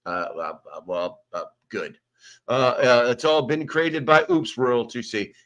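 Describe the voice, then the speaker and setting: An American man hosts a casual livestream from a nearly bare room, rambling as he reads names from the chat into a small desk microphone. His voice is mid-range and fairly bright, and he keeps a measured pace.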